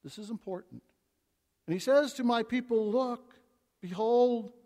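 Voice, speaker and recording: A man preaching an expository sermon, reading scripture aloud and swinging between hushed and emphatic delivery, with stumbling restarts. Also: very high-pitched, measured pace. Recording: long reverb of a large hall.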